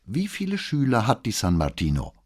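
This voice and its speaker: A man voicing a calm, probing male police commissioner in an audiobook. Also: mid-range voice, husky, voice pushed up. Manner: calm, measured questioning.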